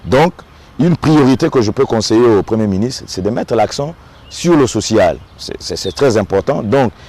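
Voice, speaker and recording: A man's voice: medium pitch, expressive, normal speed, a little mellow. A man with a Congolese French accent, a local notable, speaking earnestly in an interview and often repeating small words as he searches for the next one. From Democratic Republic of the Congo. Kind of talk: on-site interview, political commentary.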